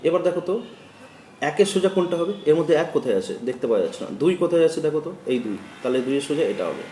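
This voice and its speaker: Male teacher, chanting letter drills for small children. Mellow tone, recorded from across a room with faint background noise. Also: a little high, animated. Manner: chanting drills, counts aloud slowly. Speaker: primary school teacher. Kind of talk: children's lesson on counting and letters. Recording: echoey room from a distance, faint ambient noise.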